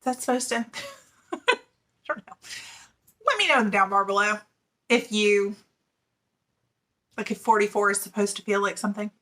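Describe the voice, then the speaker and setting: This forties-aged middle school teacher talks to camera at normal speed on her knitting video podcast, her mid-range voice a bit bright. She's chatty and giggly, filling her speech with fillers and leaving long pauses.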